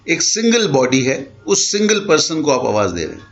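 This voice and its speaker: A man's voice: on the high side, huge pitch swings, creaky, dull audio, faint music behind. A man teaching an Arabic grammar class in Urdu, explaining patiently and mixing in English terms. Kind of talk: online class lecture.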